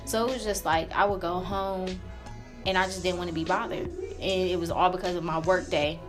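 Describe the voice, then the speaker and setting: A woman's voice: on the low side, steady tone, normal speed, music in the background. A woman co-hosting a podcast in casual chat, talking in a candid, colloquial and emphatic way. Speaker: podcast co-host. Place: room in a library.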